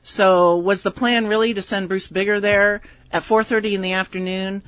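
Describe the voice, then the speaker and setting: A woman's voice: medium pitch, steady tone, normal speed, a bit bright, no echo. Woman author explaining on radio. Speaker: author guest. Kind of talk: radio interview. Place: radio studio. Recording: dry, dull radio studio audio.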